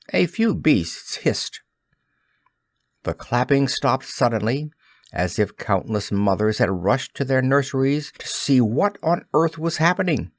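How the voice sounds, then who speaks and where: A man narrating a classic children's novel as an audiobook, in measured, expressive storytelling. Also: medium pitch, no echo, clean studio sound. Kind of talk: scripted narration.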